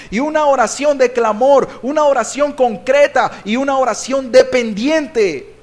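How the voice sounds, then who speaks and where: With an extremely high-pitched voice, a man from Nicaragua preaches as a pastor. He alternates loud and soft passages and draws out important words slowly to stress them.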